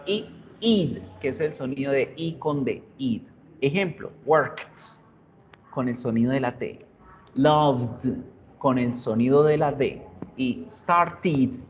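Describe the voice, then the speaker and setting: A man teaching English in a live online class, his voice a little higher than most men's. He switches between Spanish and English, quizzes his students and repeats example words. The sound is dull and lo-fi, with a faint hiss behind it.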